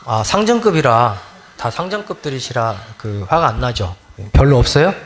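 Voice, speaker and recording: A middle-aged Won-Buddhist minister gives a conversational dharma talk in an animated, slightly bright mid-range voice at normal speed. He often questions his listeners and acts out everyday grumbles.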